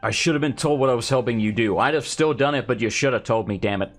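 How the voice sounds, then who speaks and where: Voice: medium pitch, quick pace, soft background music. A game player giving casual, sarcastic, wisecracking commentary with some swearing. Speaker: let's player.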